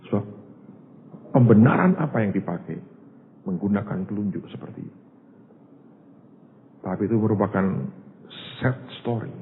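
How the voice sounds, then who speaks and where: A man preaching a sermon as a pastor, telling a story and often calling the congregation "saudara". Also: medium pitch. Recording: tinny phone-like sermon recording with faint hiss.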